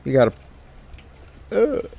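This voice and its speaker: A man's voice: slow pace, warm tone. A man casually chatting and joking while playing a game on stream. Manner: laid-back, joking. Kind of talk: casual gameplay chat.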